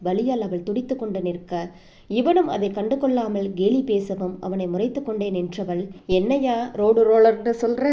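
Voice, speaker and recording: Dark-voiced woman reading a romance novel. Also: medium pitch. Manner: steady storytelling narration. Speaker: narrator. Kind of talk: scripted narration of a romance novel.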